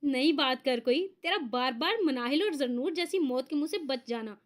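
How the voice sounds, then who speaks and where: A woman's voice: high voice, lively intonation, normal speed. A woman doing a dry, unbothered young man. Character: young man, calm, dryly unbothered friend.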